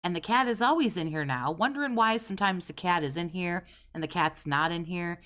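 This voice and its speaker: A man's voice: high-pitched, fairly quick, sharp tone. A man with a harsh, frying voice giving casual, sarcastic and sweary live commentary in a blunt manner. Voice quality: harsh voice with vocal fry.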